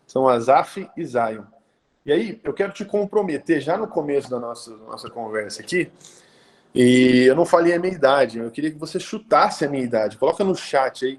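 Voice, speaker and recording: Talking as a pastor on a casual live stream, this man from Brazil's interior of São Paulo state is in his thirties. His pitch sits in an ordinary male middle range. He stays relaxed and conversational, leaning on hesitations and tag questions.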